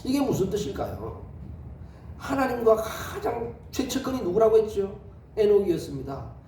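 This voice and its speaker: High, lively pastor preaching. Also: male voice, moderate pace. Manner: lively storytelling with rhetorical questions. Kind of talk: sermon. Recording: echoey hall, distant mic, faint noise.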